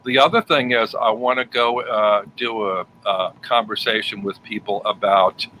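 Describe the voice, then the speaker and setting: The host of this livestream is a man with a lowish, pushed and bright voice, chatting casually at a moderate pace with his guest and viewers. Audio from the home livestream setup is poor, and faint background noise can be heard.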